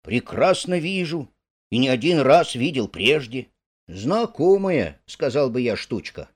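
A man's voice: mid-range voice, big pitch swings, unhurried. A man voicing a fussy, plaintive male mole who complains and quibbles in a storybook reading. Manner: whiny, pedantic complaining.

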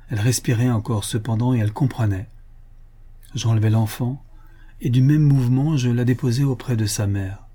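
A man reading a novel aloud as an audiobook narrator, in a solemn, measured way. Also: mid-range voice, mellow, breathy edge.

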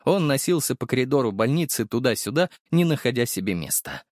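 A man narrating a first-person audiobook in a lively, wry and expressive manner. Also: medium pitch, brisk, no echo, studio quality.

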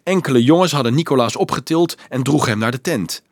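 A man reading a novel aloud as narrator, with dramatic, expressive storytelling. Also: mid-range voice, fast talker, no room sound, clean studio sound. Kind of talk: audiobook narration.

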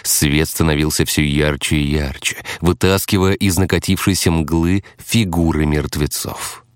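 Deep-voiced guy reading an audiobook, steady, dry close sound. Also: unhurried, clear, resonant tone, no echo. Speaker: audiobook narrator. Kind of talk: scripted first-person narration.

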